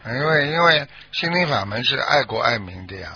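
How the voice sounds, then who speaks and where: A man's voice: medium pitch, lively intonation, normal speed, creaky, crowd noise. A man hosting a radio call-in show, lecturing and checking that listeners understand. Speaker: radio call-in host and religious teacher. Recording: lo-fi radio broadcast.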